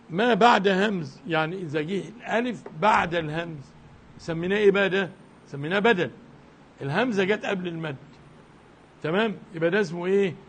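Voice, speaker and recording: A man's voice: high voice, fairly bright tone, a little hiss or hum. A man with an Egyptian Arabic accent, explaining a religious recitation lesson step by step and often checking in with rhetorical questions. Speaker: Quran recitation teacher.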